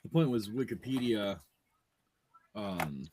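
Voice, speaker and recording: Male podcast co-host, low voice, slight background hiss, offhand and profane. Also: lively intonation, slow. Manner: profane, laughs often, trails off quietly. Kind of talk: casual chat.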